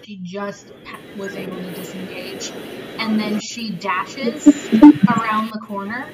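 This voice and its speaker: A woman's voice: medium pitch, steady tone, a little slow, over a noisy crowd, low-quality recording. A woman acting as game master, narrating the scene and voicing sound effects.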